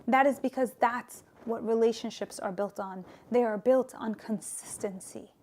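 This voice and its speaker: A woman's voice: on the high side, normal speed, darkish tone. A woman who works as a therapist gives an earnest, emphatic talk on relationships and faith, often checking in with "right?". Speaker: therapist and Islamic speaker.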